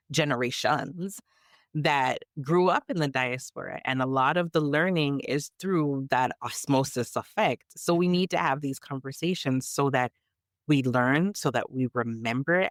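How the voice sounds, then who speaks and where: A Canadian woman appears as a storyteller guest on a podcast, chatting conversationally in an emphatic, reflective way. Her voice is rumbling and low, captured in studio quality with no echo.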